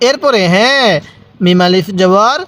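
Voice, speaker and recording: A man's voice: high voice, measured pace, fairly bright tone. A man teaching Quran reading from Bangladesh. He spells out letters and vowel marks, stretches the long syllables, and has the listener repeat after him. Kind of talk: step-by-step recitation lesson.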